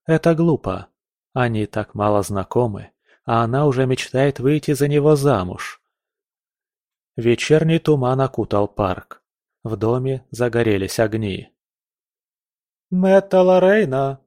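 A man reads a novel aloud in a calm, even narration. His pitch sits in the middle. The recording is dry and close. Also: measured pace, no room sound. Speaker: audiobook narrator. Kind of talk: scripted narration.

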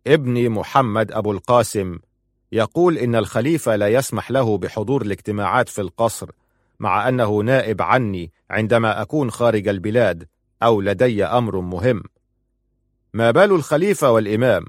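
A man's voice: lowish voice, animated, brisk, dry recording, studio quality, lightly acted. A man reading an audiobook, voicing a proud old army commander who speaks firmly and emphatically. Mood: defiant. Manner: firm, emphatic declaiming.

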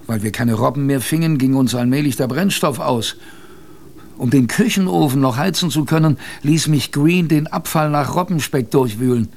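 In a radio drama, a man plays a plain-spoken, wry sailor narrating his expedition tale in first person, chatty and colloquial, speaking straight to the listener. His medium-pitched voice has vocal fry and a darkish tone at a moderate pace. Faint background ambience sits behind him.

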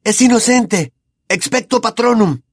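A man's voice: very high voice, a little slow, dry recording, studio quality, pitched above the performer's own voice, heavily acted. A man voicing a desperate teenage boy wizard. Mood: desperate shouting. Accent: Latin American Spanish. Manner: urgent, shouted pleading.

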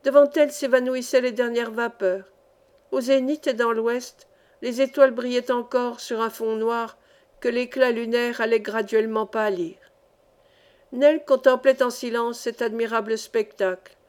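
Woman reading a novel aloud, fairly high. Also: a little slow, clean tone. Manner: steady, expressive reading. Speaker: audiobook reader. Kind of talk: scripted narration.

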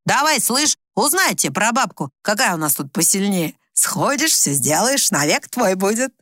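A woman voicing a coarse, scheming older village woman with a hoarse voice, who scolds bluntly. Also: mid-range voice, sing-song, normal speed, fairly bright tone, dry recording, studio quality. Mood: conspiring.

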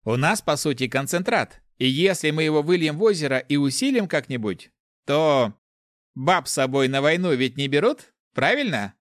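A man voicing an excitable, cheeky male thief in a storybook reading. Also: a little high, moderate pace, no echo, studio quality, pitched above the performer's own voice. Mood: excited.

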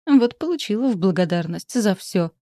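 A woman's voice: animated, moderate pace, mellow, no room sound, clean studio sound, natural voice. A woman voicing a whiny, manipulative old bedridden mother who wails and complains. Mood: whining. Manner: plaintive, wailing, shrill.

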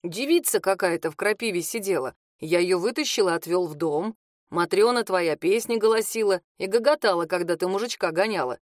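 A woman reading aloud, voicing a calm, matter-of-fact young man who is a policeman. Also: on the low side, fairly quick, no room sound, studio quality, natural voice.

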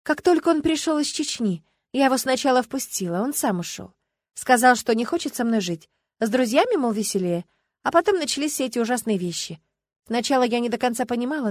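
A woman's voice: a little high, dry recording, voice pushed up, natural voice. A bitter, indignant woman brushing off her troubled brother, as a female audiobook reader puts her on, in a slightly raised voice. She sounds dismissive and curt. The recording is dry and close, with no room sound.

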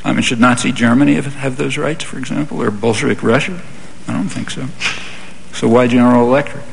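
A man answering audience questions at a lecture in a measured, conversational way. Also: medium pitch, creaky, a little hiss or hum, rough recording. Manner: measured, conversational, frequent "I mean" and "you know". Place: university lecture hall.

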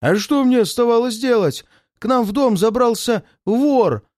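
A man reading aloud, voicing a drunk, panicked male servant who shouts for his master. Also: extremely high pitch, animated, measured pace, dry recording, studio quality, pitched above the performer's own voice. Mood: frantic shouting.

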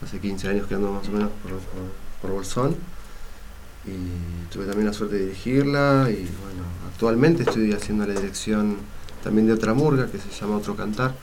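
A man, a radio guest talking about his theatre work in a relaxed, halting way. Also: lowish voice, noisy background. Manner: relaxed, rambling, halting with fillers. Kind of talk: casual radio interview.

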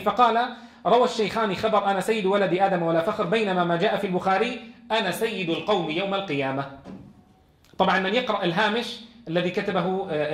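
A man's voice: high voice, fairly bright tone, echoey room. A man teaching a Quran lesson in a classroom. He reads from a text and explains it, asking his students questions.

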